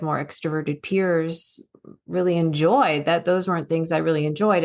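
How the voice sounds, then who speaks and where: A soft-spoken woman with a low-sitting voice appears as a guest coach on a casual podcast, telling stories with small acted asides.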